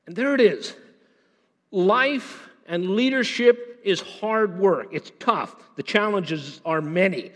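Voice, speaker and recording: A man preaching a sermon as pastor, animated, often repeating words and dropping to a hushed intensity. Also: high-pitched, slow. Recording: long hall reverb.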